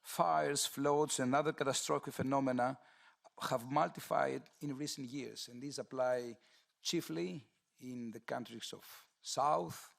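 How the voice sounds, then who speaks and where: A man from Greece, giving a formal, measured statement to a committee. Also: medium pitch, vocal fry. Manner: formal, measured, read-out delivery. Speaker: committee member.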